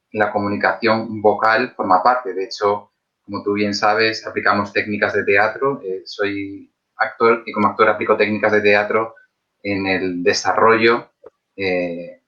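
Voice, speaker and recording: A man hosting a live video interview as actor and trainer, speaking in a measured, articulate way and reading out viewer comments. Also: fairly low pitch, sharp tone, lo-fi sound.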